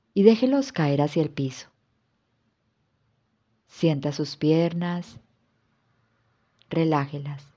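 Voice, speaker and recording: A woman yoga instructor guiding a yoga nidra relaxation with soft, calm instructions. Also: low-pitched, highs cut off.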